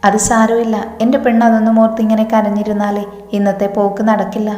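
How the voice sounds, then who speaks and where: A woman's voice: medium pitch, level tone, fast, mellow, faint music behind, natural voice. A woman voicing a hot-tempered, vengeful young man devoted to his wife, speaking intensely, in a roomy echo with long reverb. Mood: tender.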